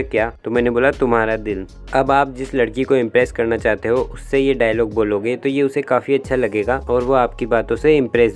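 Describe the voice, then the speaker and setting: A man's voice: medium pitch, darkish tone. Chatty young man giving dating tips. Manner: chatty, instructive, acts out both sides of sample dialogues. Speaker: YouTube dating-tips host. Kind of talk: casual explainer vlog.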